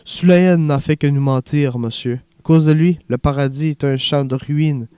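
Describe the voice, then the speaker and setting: A man's voice: a little high, fairly even intonation, moderate pace, mellow, smooth, dry recording, natural voice. A man reading as a haunted young refugee actor. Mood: haunted, earnest.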